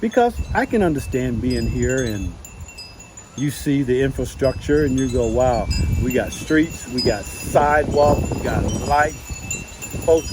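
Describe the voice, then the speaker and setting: A man talking casually to camera from his yard, relaxed and folksy, with lots of "you know" fillers. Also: on the high side, background noise. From United States. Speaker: vlogger.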